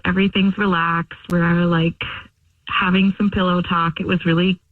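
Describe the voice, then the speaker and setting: A woman's voice: lowish voice, flat delivery, normal speed, dry recording. A young woman calling in to a radio show, chatty and rambling with lots of fillers. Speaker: caller. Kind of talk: phone call to a radio show. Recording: phone line from far off.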